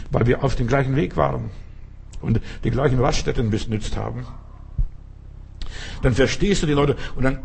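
A man with a gravelly, husky voice delivers a sermon. He tells stories and speaks straight to his listeners, often asking if they understand. His voice sits at a middle pitch. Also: a little mellow. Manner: storytelling, addresses listeners directly, frequent rhetorical questions. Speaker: preacher.

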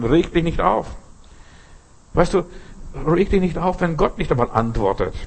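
A man's voice: fairly high pitch, vocal fry, a little mellow, husky. An older man preaching a sermon in an emphatic, conversational way, often checking whether listeners understand. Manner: emphatic, conversational, asks "verstehst?".

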